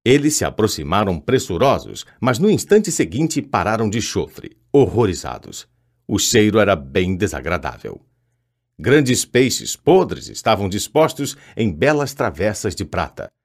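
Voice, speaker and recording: Lively man reading an audiobook. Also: measured pace. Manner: voices each character with raised pitch, very lively intonation. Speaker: audiobook narrator.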